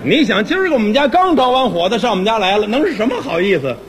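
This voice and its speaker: Fast, lively Beijing comedian, high-voiced. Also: male voice, husky, in a large hall. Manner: animated, mock-tearful, boastful. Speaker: lead crosstalk comedian. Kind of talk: stand-up crosstalk storytelling.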